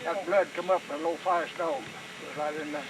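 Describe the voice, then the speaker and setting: High-voiced old Southern man, reminiscing. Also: steady tone. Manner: rambling, halting, folksy. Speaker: grandfather recalling his childhood home. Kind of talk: casual reminiscing. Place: outdoors at an old log house. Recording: noisy outdoor amateur camcorder sound.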